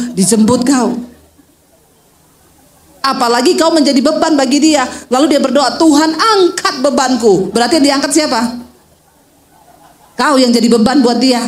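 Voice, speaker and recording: High-voiced woman pastor telling a story. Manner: animated, acts out quoted voices, addresses the crowd directly. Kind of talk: storytelling sermon. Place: outdoor field gathering.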